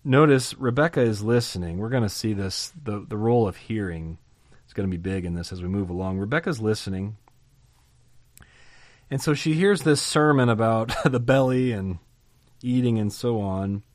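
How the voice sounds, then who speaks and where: A man's voice: fairly low pitch, normal speed, dry recording. Chatty man teaching the Bible. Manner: lively, chatty, asks rhetorical questions, chuckles.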